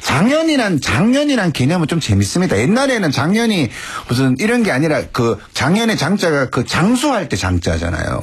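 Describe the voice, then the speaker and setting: A man on a talk show panel, explaining ideas and telling animated anecdotes. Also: medium pitch, breathy edge. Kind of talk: casual talk show chat.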